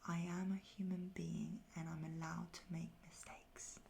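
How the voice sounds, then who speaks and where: A woman gives a whispered ASMR pep talk of affirmations in a soft, breathy near-whisper, slowly repeating phrases with pauses. Her pitch is fairly low and her tone level, with slight background noise.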